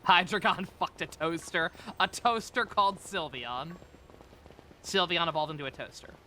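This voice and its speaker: Animated, bright-voiced male game streamer. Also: fairly high pitch, moderate pace, a little hiss or hum. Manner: sweary, joking. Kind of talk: casual playthrough commentary.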